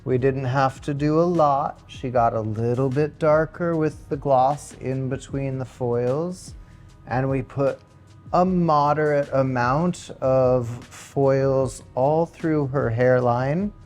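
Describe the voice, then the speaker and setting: A man working as a hairstylist, calmly explaining each technique step by step as he goes. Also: medium pitch, slow, faint music behind. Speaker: hairstylist and makeup artist. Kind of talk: step-by-step tutorial narration.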